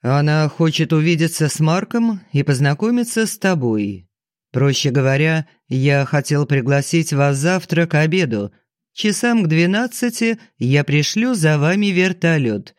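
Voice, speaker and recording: A man's voice: fairly high pitch, animated, a little slow, dry recording, clean studio sound. A man voicing an arrogant older banker with a curt, commanding, haughty manner in an audiobook. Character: arrogant older male banker, domineering and explosive.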